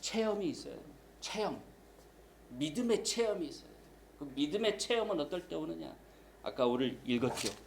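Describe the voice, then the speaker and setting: A man's voice: a little high, lively intonation, fairly quick, creaky, slight background noise, low-quality recording. A man preaching a sermon as pastor, emphatic and acting out the voices he quotes.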